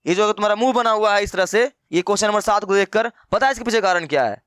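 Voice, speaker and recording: High, clear-voiced math teacher. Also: male voice, racing, a bit bright, dry recording, clean studio sound. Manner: teasing, acts out students' replies, addresses viewers as brother. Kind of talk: playful classroom lecture.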